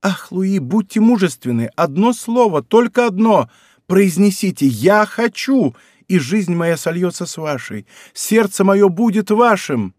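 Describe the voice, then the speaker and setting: A man's voice: sits high, big pitch swings, measured pace, a little mellow, dry recording, clean studio sound, pitched above the performer's own voice, heavily acted. A man voicing an impassioned young noblewoman who pleads with her royal lover in an audiobook. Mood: imploring. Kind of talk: audiobook character reading.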